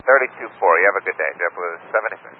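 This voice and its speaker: Deep-voiced pilot over static radio. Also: male voice, animated, phone-quality sound. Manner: brisk, easygoing. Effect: radio static bursts. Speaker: airline pilot. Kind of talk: radio readbacks.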